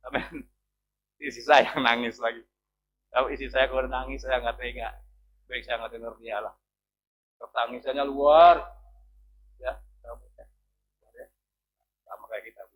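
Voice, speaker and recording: A middle-aged man, a pastor, preaching a sermon in a church with sudden loud and soft swings and questions for the congregation. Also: mid-range voice, steady tone, unhurried, long pauses, low-quality recording.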